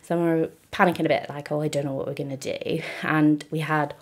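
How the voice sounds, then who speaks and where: A woman's voice: deep voice, flat delivery, a little fast. A young woman from just outside London, chatting casually with lots of fillers and laughter as she shares her testimony. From just outside London, England. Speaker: interview guest.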